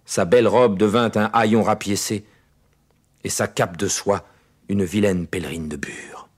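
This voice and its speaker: A man narrating a fairy tale in a measured, expressive storytelling manner, with soft music behind. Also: lowish voice, husky.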